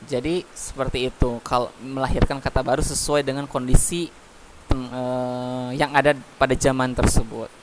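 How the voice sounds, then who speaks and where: A man teaching an English class from home, explaining patiently with many fillers. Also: mid-range voice. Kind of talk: online English class, mixing Indonesian and English. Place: home, heavy rain outside. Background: rain noise.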